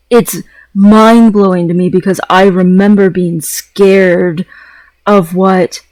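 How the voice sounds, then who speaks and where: A man with a voice that sits high rambles casually in a vlog, hesitating, often repeating phrases, and trailing off mid-thought. The recording is low-quality but has no echo.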